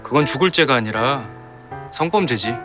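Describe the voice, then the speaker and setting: An actor playing a cool, teasing young man in a TV drama, blunt, terse and deadpan. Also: mid-range voice, moderate pace, lightly acted. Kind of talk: Korean TV drama acting. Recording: music behind the voice.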